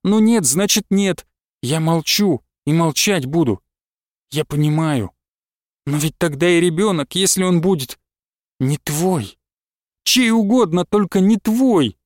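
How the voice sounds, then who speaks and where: A man's voice: on the high side, animated, measured pace, dry recording, clean studio sound. A man reading aloud and voicing a young village wife who pleads and cries out in anguish. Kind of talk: audiobook character reading.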